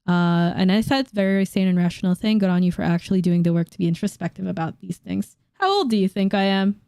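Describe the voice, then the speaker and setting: A woman in her late twenties reacting to online comments in a casual vlog, blunt and quick to laugh, swearing casually. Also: medium pitch, vocal fry, a little mellow, clean tone, no echo, clean studio sound. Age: late 20s. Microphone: dynamic studio mic.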